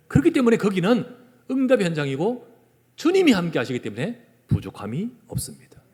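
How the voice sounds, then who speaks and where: A male pastor with a Gyeongsang Korean accent preaching a sermon in a church, moving between loud emphasis and hushed whispers. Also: on the high side. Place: church sanctuary. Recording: long church hall reverb.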